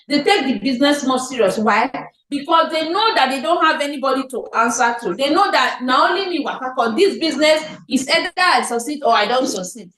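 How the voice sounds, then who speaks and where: Speaking quickly with lively intonation, the woman leads a motivational business training as team leader on an online call; her Nigerian accent comes through in a high, slightly bright voice. She keeps repeating ideas and replying to her own questions, and the room on the call is echoey.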